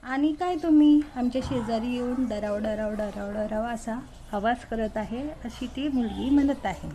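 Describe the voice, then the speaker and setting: A woman's voice: on the high side, normal speed, noisy background. A woman teacher, patiently explaining a school poem to students and asking them questions.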